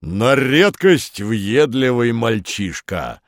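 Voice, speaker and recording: A male reader performs a huge, red-cheeked storybook baron who booms and blusters jovially. He draws his words out slowly, keeping his voice raised, lively, and pitched above the surrounding narration, in a dry, close recording with no echo.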